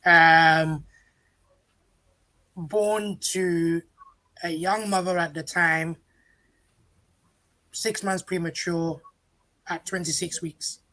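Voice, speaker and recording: A man, giving a personal account in a halting, deliberate way as an interview guest. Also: a little high, fairly even intonation, sharp tone, low-quality recording. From England. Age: 30s. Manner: halting, deliberate, restarts words.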